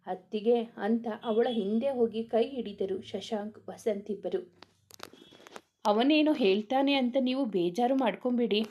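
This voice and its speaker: A woman reading a romance story aloud, voicing all the characters' lines herself in a steady narrating voice. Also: fairly high pitch, a little slow.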